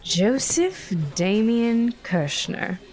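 A woman's voice: a little high, sing-song, unhurried, noisy background. A woman playing a flaky, brash friend who talks in a breezy, silly way.

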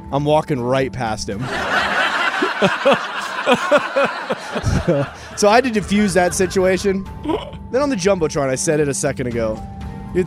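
A young man with a fairly high voice tells a rambling sports story on a talk show. He is animated and swears casually. He often mimics the people in his story, and faint music plays behind him. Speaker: co-host. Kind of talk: casual sports radio chat.

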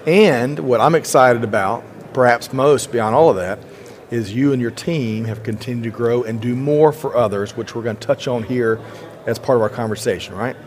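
A man's voice: medium pitch, moderate pace, slight background noise. Male podcast host, upbeat and talkative, interviewing at a conference. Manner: upbeat, chatty, frequent fillers. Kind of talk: enthusiastic interview hosting. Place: conference expo floor.

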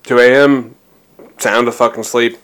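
A man's voice: medium pitch, steady tone, a little slow, fairly bright tone. A man co-hosting a podcast, telling a profane story in casual chat. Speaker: podcast co-host. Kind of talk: crude comedy chat.

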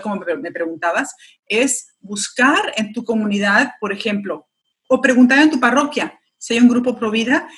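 An earnest American woman whose first language is English speaks Spanish in a fairly high voice. As a pro-life activist guest giving an interview answer, she exhorts listeners with encouraging, urgent appeals.

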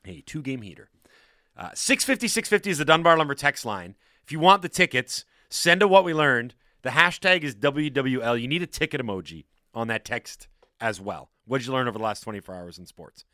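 A man hosting a sports radio show, jokey and animated, reading ads and bantering in a studio. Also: mid-range voice, fairly quick, dry recording. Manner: animated, jokey, reads ads with a bouncy lilt. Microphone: studio microphone.

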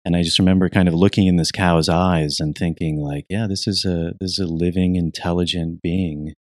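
Deep, dry-voiced thoughtful man. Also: steady tone, fairly quick, dry recording. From United States (Virginia). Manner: soft-spoken, thoughtful, frequent restarts and fillers. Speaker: interviewee, retreat program teacher. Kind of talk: reflective interview answers.

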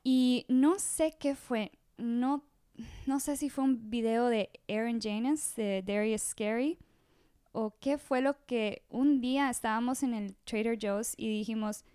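A woman's voice: fairly high pitch, slow pace, warm tone, clear, resonant tone, no echo, studio quality. A woman in her thirties from Rica, telling her story as a podcast guest in a chatty way, often restarting her sentences. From Costa Rica. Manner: chatty, with frequent restarts and fillers. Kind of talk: casual interview storytelling.

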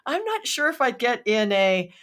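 A podcast host interviews a guest, chatty and enthusiastic, filling her questions with lots of fillers. Her voice is fairly high and a bit bright, swinging widely in pitch at a moderate pace.

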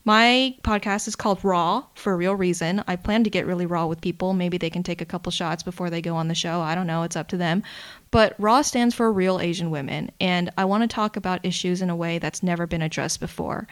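A woman's voice: fairly low pitch, steady tone, clean tone. A woman hosting her own podcast, talking candidly and outspokenly in a solo intro monologue, swearing freely and dropping in "you know" and "like" as she goes. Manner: mixes fillers like "you know" and "like" into fast talk. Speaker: podcast host.

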